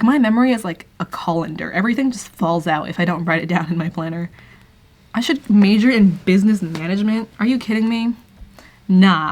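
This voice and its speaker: A young woman talking casually to camera in a vlog, rambling and self-deprecating with wry asides, in a small room. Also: fairly low pitch. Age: young adult. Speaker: student vlogger. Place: small room by a thin wall.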